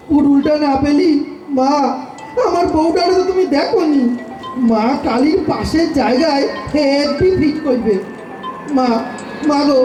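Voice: high-pitched, a little mellow, natural voice. Someone playing a wailing poor woodcutter. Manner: rustic, wailing and lamenting. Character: poor male woodcutter, fretful and henpecked. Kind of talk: amateur radio play acting. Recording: echoey room with faint noise.

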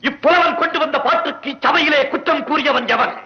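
An actor playing a haughty god disguised as a poet, speaking in a lofty, commanding, formal way in a 1960s film drama. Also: male voice, very high-pitched, a little fast, faint music behind. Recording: muffled 1960s film soundtrack.

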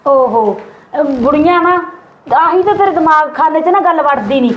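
A woman's voice: sits high, animated, moderate pace. A woman playing a stingy sister-in-law who nags and taunts. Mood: taunting. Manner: taunting, nagging. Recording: echoey room, dull sound, faint hiss.

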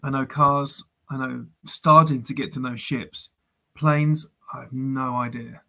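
A man co-hosting a casual hobby chat, talking in a relaxed, knowledgeable way. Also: medium pitch, measured pace, vocal fry.

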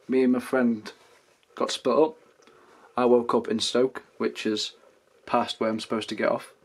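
A young man from England, talking casually to his camera in a rambling vlog rant. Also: medium pitch. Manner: chatty, rambling, acts out drunk anecdotes in raised voices. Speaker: vlogger. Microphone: camera mic.

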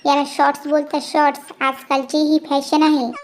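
Sassy young cartoon girl, squeaky, teasing, quick replies, voiced by an actor. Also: flat delivery, a little mellow. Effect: high pitch-shifted cartoon voice.

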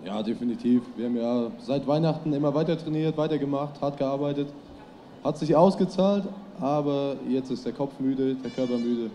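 Young athlete guy, tired, short answers, very dark low-key tone, faint noise. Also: fairly even intonation, normal speed. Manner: tired, short plain sentences. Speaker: athlete being interviewed.

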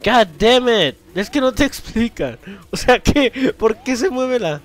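A young man, commentating a video game as he plays, swearing loudly and laughing often at what happens on screen. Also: very high-pitched, expressive, a little slow, faint music behind. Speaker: gameplay commentator. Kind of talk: let's play commentary.

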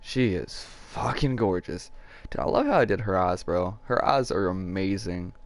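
A hoarse young man giving excitable, profanity-filled commentary while streaming a game live and chatting with viewers. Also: deep voice, moderate pace. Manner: excitable, swears a lot, talks to chat. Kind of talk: casual live gameplay commentary.

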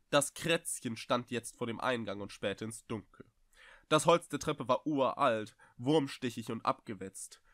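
Male storyteller, expressive, dry close mic. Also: mid-range voice, no room sound. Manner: expressive, vivid. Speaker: audiobook reader. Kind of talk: dramatic storybook reading.

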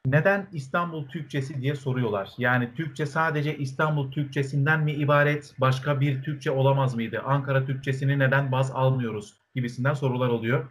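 A man's voice: medium pitch, fairly even intonation, fairly quick, hardly any pauses, slight background noise. A man hosting an interview who asks curious follow-up questions and keeps affirming his guest. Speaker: interviewer, host.

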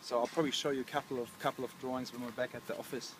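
A man's voice: mid-range voice, very fast. Australian man, thirties, site walkthrough, lapel mic, outdoor noise behind. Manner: relaxed, many ums and restarts. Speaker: council project manager.

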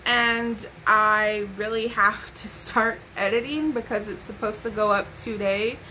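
A woman's voice: medium pitch, fairly even intonation, unhurried, bright, forceful tone, a little hiss or hum, low-quality recording. A young woman vlogging a casual haul to camera from her bedroom, sassy and chatty with playful asides.

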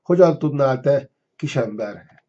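A man voicing a huge, proud imprisoned dragon king in a low, growling, gruff voice, on a dull lo-fi recording. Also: expressive, warm tone, close to an everyday voice.

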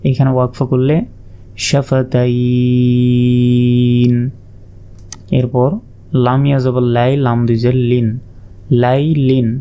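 Patient dark-voiced teacher. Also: male voice, mid-range voice, flat delivery, normal speed, clean tone. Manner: patient, spells letters and vowel marks aloud, drags out sounds in examples. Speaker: Quran recitation teacher. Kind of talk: step-by-step spelling lesson.

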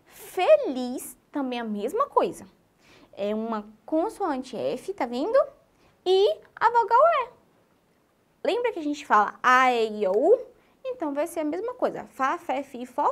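Brazilian woman, children's teacher; high-pitched, very animated, sing-song delivery aimed at young kids. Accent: Brazilian Portuguese. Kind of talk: children's literacy lesson.

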